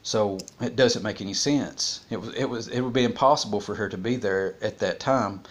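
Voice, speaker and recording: In a small room at home, a vlogger in his forties talks through a criminal case in a casual, unscripted monologue. His fairly low voice comes out halting, as though he's reasoning aloud into a device's built-in mic.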